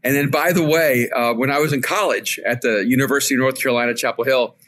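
A man's voice: mid-range voice, fast talker, fairly bright tone, slight background noise. Spanish-native man telling his story. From El Salvador. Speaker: podcast guest. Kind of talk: reflective storytelling. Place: remote call from home.

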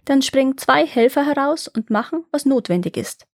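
A woman doing a poor, desperate peasant father who pleads in a higher, plaintive tone. It is fairy-tale narration with a dry, close sound. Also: animated, moderate pace, no echo. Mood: eager.

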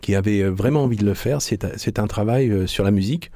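Calm man with a mellow low voice. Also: fast talker, no echo, studio quality. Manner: calm, brief replies. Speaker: radio producer guest. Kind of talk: live radio discussion. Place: crowded radio studio.

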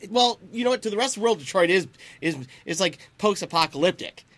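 A man's voice: high voice, expressive, quick pace, fairly bright tone. A man hosting a radio show, chatting casually in a studio and rambling with many restarts. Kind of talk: casual radio interview chat.

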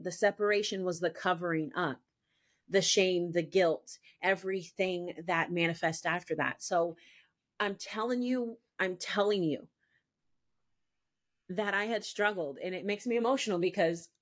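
Speaking at a moderate pace in a lowish voice, this woman is a guest on a faith podcast recounting her personal testimony. Her delivery is earnest and emphatic, doubling back on itself, with "I'm telling you" recurring throughout.

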